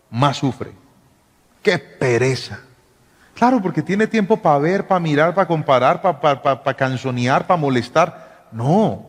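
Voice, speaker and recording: A man, a pastor, telling his own story and giving counsel in an animated way, with stammered repeats. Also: a little high. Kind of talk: personal testimony and counsel. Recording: long hall-like reverb.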